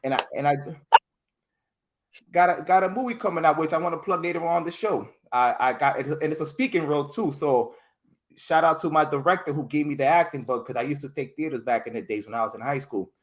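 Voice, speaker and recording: This podcast guest speaks in a slightly high, brisk male voice, rambling through stories in a casual interview with plenty of fillers and restarted words. His storytelling is animated, and he voices other people in quotes.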